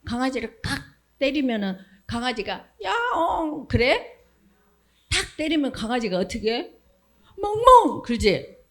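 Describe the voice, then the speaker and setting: Middle-aged female children's preacher, slightly high voice, animated call-and-response delivery. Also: normal speed. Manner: animated question-and-answer with children, acts out voices. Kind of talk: Sunday school sermon.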